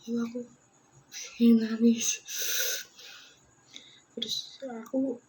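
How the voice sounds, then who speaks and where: A young woman telling a personal story in a vlog, halting and close to tears, tired, with many restarts. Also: fairly high pitch, little pitch movement, mellow. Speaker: vlogger. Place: isolation ward room.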